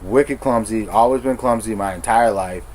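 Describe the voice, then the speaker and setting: A man's voice: on the low side, moderate pace, a little mellow. A man telling his personal story in a frank, conversational way, using slang and correcting himself as he goes. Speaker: storyteller sharing his recovery testimony.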